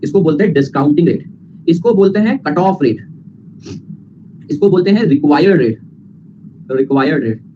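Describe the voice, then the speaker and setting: A male teacher giving a lively lecture, mixing Hindi and English and acting out students' replies. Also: a little high. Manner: fast, playful, mixes Hindi and English, acts out students. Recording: lo-fi with background hiss.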